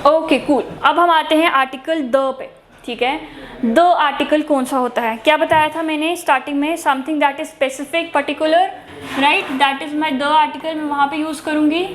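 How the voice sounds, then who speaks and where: A woman's voice: high voice, fairly even intonation, a little slow. A woman teaching an exam-prep grammar lesson, asking her students questions and answering them herself, switching between Hindi and English phrases. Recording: echoey room with faint noise.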